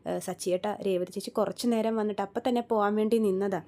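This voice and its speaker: A woman's voice: medium pitch, fairly even intonation, fast, warm tone, lightly acted. A woman voicing a polite, earnest young sister-in-law.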